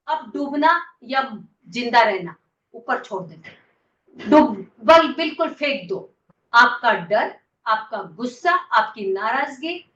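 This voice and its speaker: A woman's voice: high voice, bright, forceful tone. A woman leading a guided yoga and breathing class, urging her students on with repeated commands. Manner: commanding, urgent coaching with repeated calls. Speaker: yoga instructor. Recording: distant, roomy, dull lo-fi sound.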